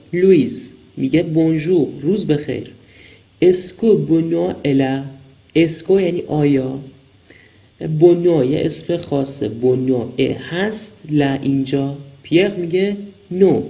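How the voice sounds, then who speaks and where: A man giving a recorded French lesson, slowly reading phrases and translating them word by word. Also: a little high, gravelly, mellow, rough recording. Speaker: French teacher.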